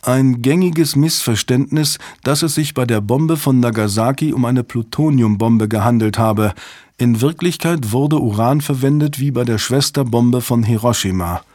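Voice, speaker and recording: A man reading a hurried female technician who reads data aloud, quick and eager. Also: medium pitch, a little mellow, dry recording, close to an everyday voice. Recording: dry close studio sound.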